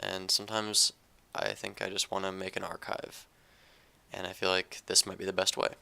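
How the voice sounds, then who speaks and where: Subdued, monotone young man, creaky low voice. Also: moderate pace. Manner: hesitant, with fillers and restarts. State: recovering from an illness. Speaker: poetry channel creator. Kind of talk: casual talk to camera, then poetry reading.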